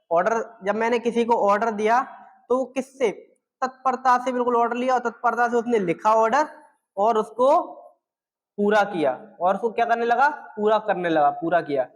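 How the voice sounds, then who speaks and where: Guy teaching exam vocab, fairly high voice, keeps repeating words and asking questions, echoey room. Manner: repeats key words and quizzes viewers with questions. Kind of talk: exam-prep vocabulary lesson.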